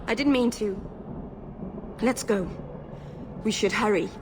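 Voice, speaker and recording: A woman's voice: medium pitch, slow pace, lightly acted. An actress playing an earnest, somewhat awkward young female elf mage who speaks apologetically. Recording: game audio with clear noise.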